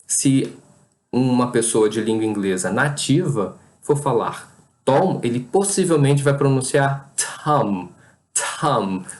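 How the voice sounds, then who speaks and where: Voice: mid-range voice, a little slow, a little mellow. An English teacher with a Brazilian Portuguese accent gives a pronunciation lesson, patiently repeating each word and over-articulating its sounds.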